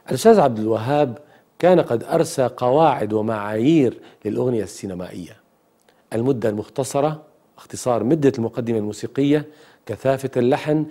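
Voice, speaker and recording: A male host presents a music history program in measured, analytical narration. His voice is mellow and warm. It sits at an ordinary middle pitch, and he lays out each point with care. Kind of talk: scripted documentary narration.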